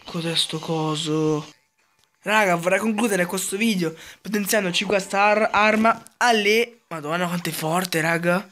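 A man giving excitable live gameplay commentary as a gaming channel host, swearing a lot and repeating words in rapid bursts. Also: high-pitched, slight background noise.

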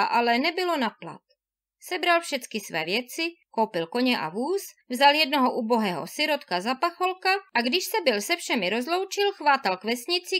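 Expressive woman reading a fairy tale. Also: high-pitched. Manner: measured, expressive storytelling. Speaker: audiobook reader.

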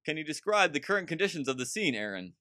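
Man playing a deadpan parody news anchor. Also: fairly high pitch, quick pace. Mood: earnest, deadpan. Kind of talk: scripted satirical newscast.

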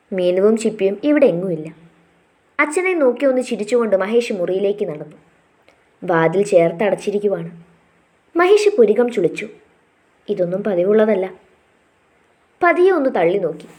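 A woman narrating an audio romance story in a calm, even storytelling manner. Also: medium pitch.

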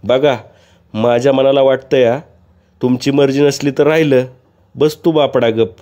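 A frail old village man, humble and gentle, with soft rustic speech and a slow, mellow tone, as a storyteller puts him on. He talks in an unhurried way. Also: medium pitch, steady tone, natural voice. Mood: pleading. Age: older.

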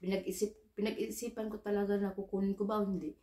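A woman's voice: mid-range voice, flat delivery, quick pace, dark tone, roomy sound. A Filipino woman, a domestic worker abroad, telling a casual story and acting out her own dialogue. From Philippines. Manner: chatty, mixes English into Tagalog, acts out dialogue.

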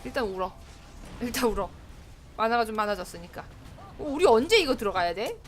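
A woman's voice: a little high, very animated, brisk, faint music behind. A woman streaming a game live, chatting to herself and her teammates and often breaking into exclamations. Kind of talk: live gameplay commentary.

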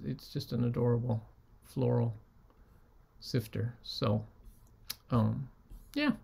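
Gravelly-voiced man chatting about resale finds. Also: mid-range voice. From United States. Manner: relaxed, many ums, holds up items. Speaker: reseller showing sold items. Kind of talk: casual vlog talk.

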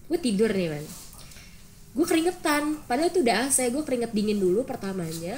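A young woman co-hosting a podcast, telling stories in an animated, expressive way with casual slang. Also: fairly high pitch, fairly quick, slight background noise. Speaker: podcast co-host. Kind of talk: casual storytelling chat.

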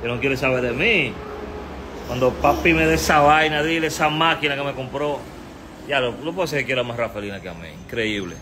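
A Dominican man hosting a live stream with his baby son, teasing and laughing, at times breaking into high squeals. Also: a little fast, noisy background. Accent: Dominican Spanish. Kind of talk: playful live-stream chat.

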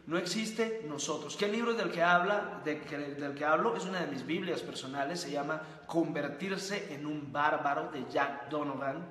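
A man hosts a motivational live book-review stream, speaking emphatically and repeating phrases and rhetorical questions. His voice is a little high and a bit bright, at a moderate pace with hardly any pauses. The room is echoey with long reverb.

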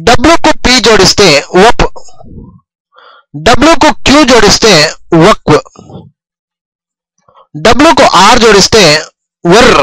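Man, English phonics teacher, slow repetitive dictation, lively high voice, dry close sound. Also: dry recording, low-quality recording. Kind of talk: phonics lesson explained in Telugu.

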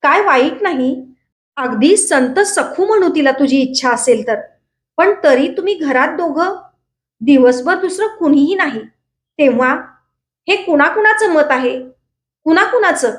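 A woman's voice: high voice, lively intonation, unhurried. A woman reading aloud as an evasive middle-aged village elder who talks hesitantly around the point.

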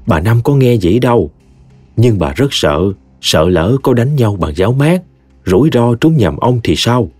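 A man with a Mekong Delta Vietnamese accent narrating a humorous story in a lively, expressive way. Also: medium pitch, unhurried, husky, no room sound. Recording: dry close studio voice, soft music behind.

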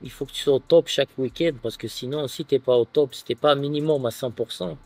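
A man in his thirties from France, a footballer guest chatting casually on an outdoor terrace, relaxed and full of filler phrases. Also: medium pitch, a little fast. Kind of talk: casual interview chat.

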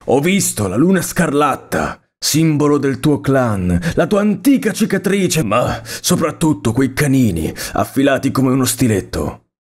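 A man's voice: mid-range voice, very animated, a little slow, pitched above the performer's own voice. A man voicing a brooding male monster hunter who speaks firmly and wistfully in a storybook reading. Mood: cold. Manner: firm, commanding then wistful.

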